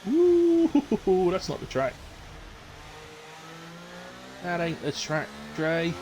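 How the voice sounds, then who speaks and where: A man's voice: a little high, drawn-out words, muffled recording, slight background noise. Teasing man calling a sim race. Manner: teasing, chatty, laughs often. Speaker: sim racing commentator. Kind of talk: live race commentary.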